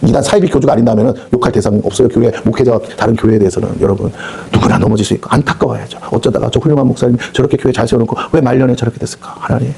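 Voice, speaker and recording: A male pastor preaching a revival sermon, talking rapidly and rising to shouted rebukes. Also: medium pitch, slight background noise. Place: prayer house meeting hall.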